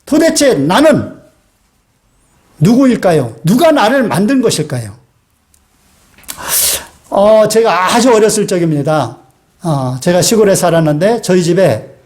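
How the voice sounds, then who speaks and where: A man with a high-pitched voice preaches a sermon. He speaks earnestly and often pauses on small fillers as he tells his story. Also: darkish tone. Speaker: pastor.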